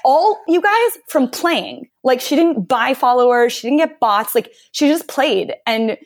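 A woman copywriter telling stories in a podcast interview, lively and quick to act out what others said. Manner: animated storyteller, mimics others in high voice. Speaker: guest copywriter.

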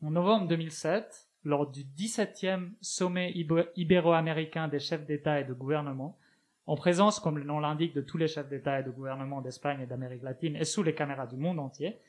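Male columnist, fairly high voice, ironic scripted comedy chronicle. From Spain. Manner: ironic, joking, reads with asides and laughs. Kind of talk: humorous radio chronicle read from a script. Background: other panelists laughing.

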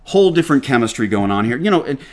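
A man's voice: mid-range voice, big pitch swings, racing, darkish tone. A middle-aged man from Georgia with a Southern accent, hosting a casual radio talk show and lecturing emphatically, with frequent restarts. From Atlanta, Georgia, US. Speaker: podcast host.

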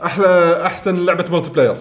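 A middle-aged Kuwaiti man recounts a story on a podcast. His voice is high and his delivery is quick. He tells it with lively energy and laughter. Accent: Kuwaiti Arabic. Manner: animated anecdotes with laughter. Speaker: podcast guest. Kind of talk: casual chat, storytelling.

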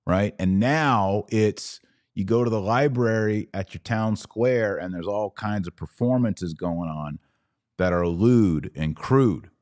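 A podcast host with a low, darkish voice delivers an opinion monologue to his viewers in a dry, close recording. He's didactic and emphatic, frequently checking in with rhetorical questions.

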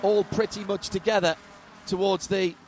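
A man's voice: high voice, little pitch movement, normal speed. A man working as a motorsport commentator, calling a live race in vivid play-by-play with wry humour. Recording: trackside broadcast with loud engine noise. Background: racing cars and trackside ambience.

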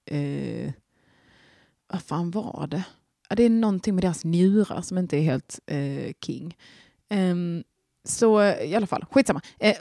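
A woman's voice: mid-range voice, darkish tone, no echo, clean studio sound. A young woman, chatting casually as a podcast host, rambling and gushing with lots of fillers and restarts. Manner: giggly, gushing.

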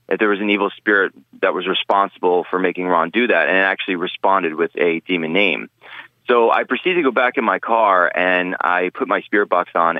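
A man's voice: low-pitched, dry recording, narrow, tinny audio. A man guesting on a podcast interview, talking earnestly in a rambling way with many restarts. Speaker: guest, paranormal investigator.

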